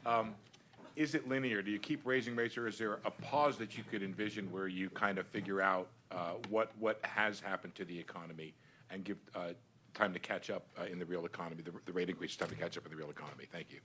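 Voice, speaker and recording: A man's voice: low-pitched, steady tone, quick pace, fairly bright tone. A man asking an informal, hesitant, rambling question as a reporter at a press conference. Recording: clear background room noise.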